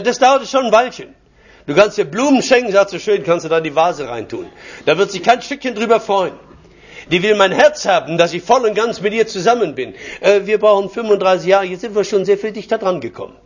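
A man's voice: sits high, husky. An older man preaching a personal sermon, telling stories from his own life with chuckles mixed in. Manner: anecdotal, chuckling storyteller. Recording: dull lo-fi recording.

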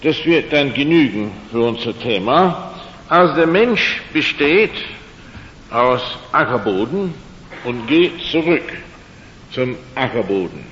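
In a large echoing hall, an older man gives an evening lecture on creation and faith in German, which is not his native language. His delivery is expressive and fairly bright yet slow and halting, peppered with fillers and wry humor. The recording is muffled and lo-fi, with a faint low rumble underneath.

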